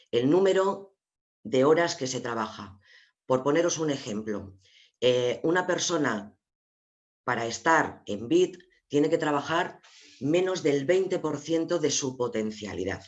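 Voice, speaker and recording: A man's voice: fairly high pitch, muffled recording. A man with an Asturian Spanish accent presenting a report in an online seminar, explaining figures step by step and talking directly to the viewers. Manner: explanatory, addresses viewers directly, sharing slides. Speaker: webinar presenter.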